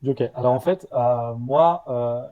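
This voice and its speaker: A man with a slight leftover stutter, a startup founder answering interview questions in a halting way, with many restarts. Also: medium pitch, mellow, muffled recording. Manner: halting, with restarts and repeated words.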